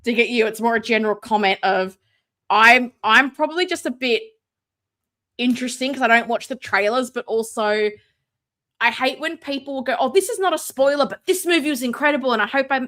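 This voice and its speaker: Her voice brisk and fairly bright, a woman runs a live toy collecting stream where she chats casually, reads out viewer comments and unboxes a figure. She describes her own voice as booming, and at times drifts away from her desk mic.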